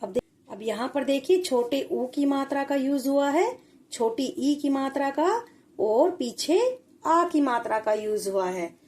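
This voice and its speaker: A woman's voice: sits high, lively intonation, a little slow, a little mellow. A woman teaching children a spelling lesson, patiently spelling out syllables one at a time.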